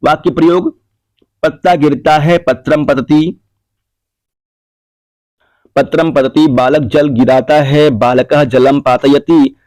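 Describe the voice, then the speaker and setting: A man teaching a classroom grammar lesson, slowly repeating and dictating the answers to exercises. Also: a little high, steady tone, a little mellow, dry recording.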